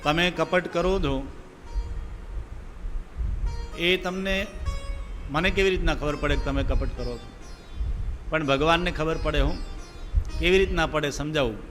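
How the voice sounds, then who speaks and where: A man preaches a devotional sermon, his fairly high voice ringing through a long reverberant hall. He tells stories and keeps asking his listeners rhetorical questions. Soft sitar music plays faintly behind him. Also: a little slow, long pauses. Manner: storytelling, asks the audience rhetorical questions.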